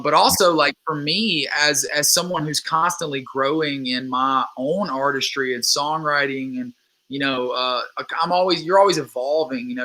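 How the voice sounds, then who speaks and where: Here the same Louisiana musician in his twenties chats casually as a guest, earnest but full of restarts and fillers. His voice is mid-range with a sharp edge, captured on poor audio.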